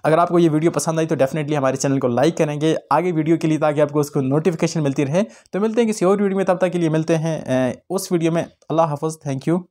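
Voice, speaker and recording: A man's voice: fairly high pitch, fast, few pauses, a little mellow. A man teaching a grammar lesson to students, explaining terms and acting out short example phrases, mixing in English words. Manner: explains in Hindi-Urdu mixed with English words; acts out short example exclamations.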